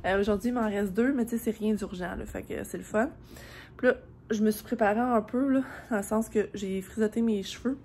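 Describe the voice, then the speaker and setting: A young woman with a Quebec French accent talks to her camera at home in a loose, rambling vlog chat. Her voice sits at an ordinary middle pitch, and she fills the gaps with "euh" and small laughs. A faint hum of background noise runs under her. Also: fairly even intonation, fairly quick, a little mellow. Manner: chatty and rambling, many fillers and small laughs. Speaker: vlogger.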